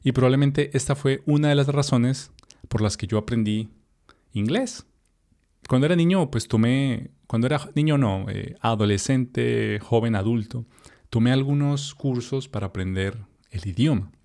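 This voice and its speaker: Gravelly and medium-pitched at a moderate pace, this young man from Colombia, who has a Colombian Spanish accent, teaches Spanish by reading a text for learners. He's easygoing and chatty, with fillers and asides to whoever's watching.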